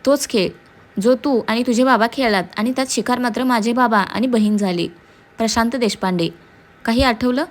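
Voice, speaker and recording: Woman voicing a vengeful young woman in a storybook, taunting and cruel, fairly high voice, mocking drawl. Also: moderate pace, lightly acted. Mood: angry. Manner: taunting, sing-song mockery mixed with English.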